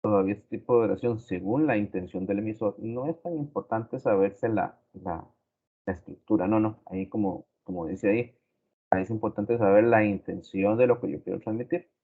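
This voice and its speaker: A man teaching a grammar lesson slowly and deliberately, repeating his examples. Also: fairly low pitch, breathy edge. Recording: tinny phone-like recording.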